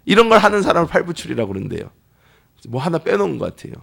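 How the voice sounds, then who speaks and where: Pastor guy preaching in church, kinda high gravelly voice, acts out the people in his stories. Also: rapid-fire. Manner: lively storytelling that acts out quoted people. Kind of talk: sermon. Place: church sanctuary.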